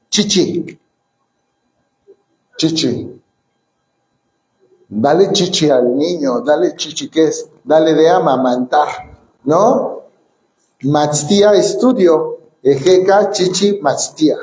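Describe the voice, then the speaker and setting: A man's voice: on the high side, slow pace, mellow. A man giving a talk to an audience and leading breathing exercises, often asking them questions. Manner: questions the audience often, leads call-and-response drills. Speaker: martial arts teacher giving a talk. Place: large echoey hall with an audience. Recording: roomy hall echo.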